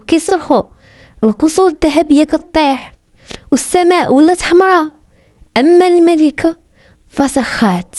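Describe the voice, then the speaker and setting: A woman's voice: high-pitched, mellow, no room sound, studio quality. A woman with a Moroccan accent narrating a story in a dramatic, suspenseful way. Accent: Moroccan Arabic.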